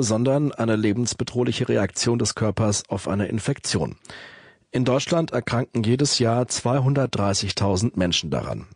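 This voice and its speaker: Man, news presenter, formal steady read, low voice, husky, dry studio sound. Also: no room sound.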